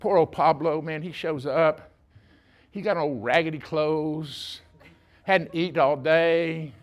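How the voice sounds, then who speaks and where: A man's voice: a little high, steady tone, slow pace. A man preaching a sermon, folksy and joking, speaking directly to his congregation. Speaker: pastor.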